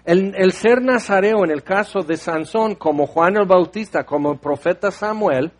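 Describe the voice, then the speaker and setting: A man's voice: high voice, moderate pace. A man preaching a sermon, reading Bible verses and explaining them with conversational, playful asides.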